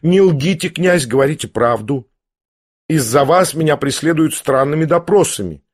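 A man's voice: a little high, lively intonation, normal speed. A man voicing a proud young noblewoman who questions sharply and mockingly. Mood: haughty. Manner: imperious, pointed questioning.

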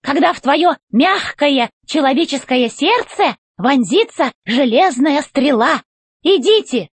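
A woman voicing a rusty, creaky male robot chief who barks orders in a squeaky voice. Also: animated, slow pace, no room sound. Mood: pompous commanding.

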